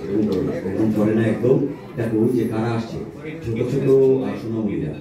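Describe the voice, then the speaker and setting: Fast-talking man in a very echoey hall. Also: fairly low pitch, a loud crowd. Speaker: puppeteer, straight man. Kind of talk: comic stage dialogue with a puppet. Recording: very echoey hall, distant mic, audience.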